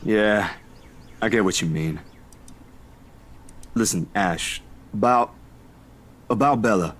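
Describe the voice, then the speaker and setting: A man's voice: on the low side, takes it slowly, fairly bright tone. An actor playing a laid-back, wry and protective young man in a visual novel. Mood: reassuring, low-key.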